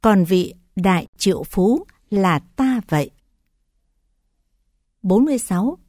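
A woman narrates Buddhist scripture tales in a calm, even reading voice. Her pace is slow and unhurried. Her tone is mellow, and the recording is dry and close. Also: mid-range voice, dry recording.

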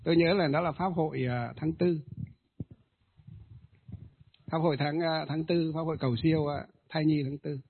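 A man's voice: a little high, steady tone, a little hiss or hum. Hesitant man telling a ghost tale, phone-tinny. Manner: hesitant, many filler pauses. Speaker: Buddhist ritual master.

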